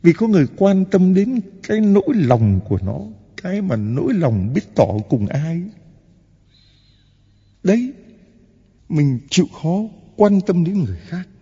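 A man, a priest, giving an impassioned sermon, drawing out key words slowly and rising to emphatic peaks. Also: high-pitched, sing-song, dark tone, breathy edge, long reverb tail, dull audio.

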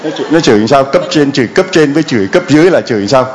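A male priest preaching to his congregation, emphatic and rhetorical. He asks questions and answers them himself, in a voice of ordinary middle pitch. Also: expressive, racing, a faint crowd. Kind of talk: sermon with audience questions.

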